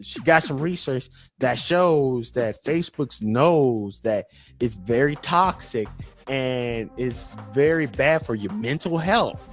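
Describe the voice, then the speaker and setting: A man's voice: medium pitch, a bit bright. A man in his thirties hosting a casual solo talk show, rambling with many fillers and self-corrections. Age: 30s. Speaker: podcast host.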